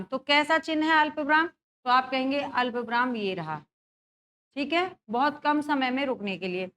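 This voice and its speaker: A woman teacher going through exam questions on punctuation, reading each example sentence slowly several times and putting questions to her students. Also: sits high, fairly bright tone. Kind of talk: exam-prep grammar lesson.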